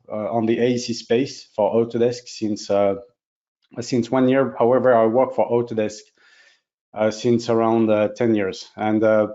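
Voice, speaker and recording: A man's voice: on the low side, dark tone, lo-fi sound. Hesitant man with a French accent. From France. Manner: hesitant, many fillers and restarts. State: has a cough. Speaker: technical sales specialist. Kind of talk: webinar self-introduction.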